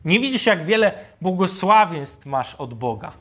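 A man with a fairly high voice delivers a sermon at an unhurried pace. He speaks deliberately and keeps turning to his listeners with rhetorical questions. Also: sing-song, fairly bright tone. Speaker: preacher.

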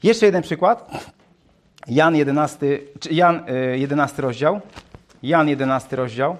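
A man's voice: on the high side, measured pace. A man preaching a sermon, reading Bible verses aloud and explaining them, often asking his listeners questions and repeating phrases.

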